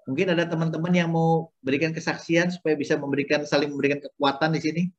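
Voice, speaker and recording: A man sharing a personal faith testimony with his Bible study group over a video call, telling it in an animated way and acting out the dialogue. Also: on the high side, fast, highs cut off. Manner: animated storytelling, acts out dialogue.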